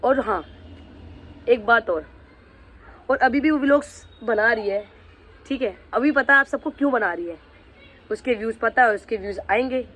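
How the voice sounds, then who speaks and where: A man's voice: extremely high pitch, normal speed, pauses often, fairly bright tone. A man vlogging, angrily confronting someone directly and threatening to reveal the truth about them. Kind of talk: angry vlog rant.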